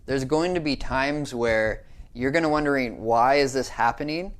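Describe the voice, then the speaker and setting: Speaking at a normal speed in a mid-range voice, a young man from the US offers a short devotional talk. His manner is sincere and conversational, punctuated by repeated "right?" check-ins.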